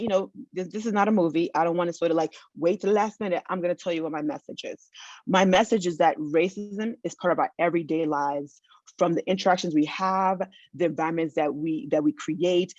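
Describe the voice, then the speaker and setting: A woman's voice: fairly low pitch, brisk, a little mellow, no echo. Earnest american woman giving a keynote over a video call, lots of ums and restarts, dull lo-fi sound. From United States. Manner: earnest, with many fillers and restarts. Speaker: keynote speaker.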